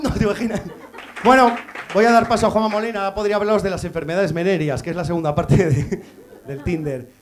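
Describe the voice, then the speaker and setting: Brief: cheeky male comedian, high voice, teasing the crowd with crude stand-up bits. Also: a bit bright. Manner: cheeky, teases the audience, crude jokes. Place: comedy stage before a live audience.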